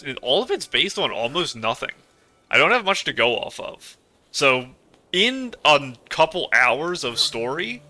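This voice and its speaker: Male let's play host: strikingly crisp, bright tone, casual, speculative commentary. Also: a little high. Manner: musing, speculating aloud.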